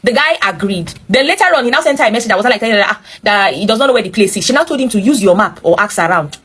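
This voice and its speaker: Her mid-range voice is husky yet fairly bright, and she speaks fast and animatedly with a Nigerian accent. In the host role she reads and reacts to a story sent in by a viewer. She's emphatic and opinionated, pausing the tale to talk straight to her audience.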